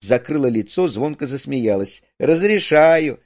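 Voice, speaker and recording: Man reading stage directions, lively pitch. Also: moderate pace. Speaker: reader. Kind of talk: reading a play aloud.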